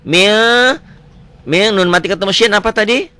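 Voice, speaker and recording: A man teaching Quran recitation rules one-on-one, quizzing his student with quick repeated questions. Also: fairly high pitch, very animated, bright, forceful tone. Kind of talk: one-on-one tajwid lesson.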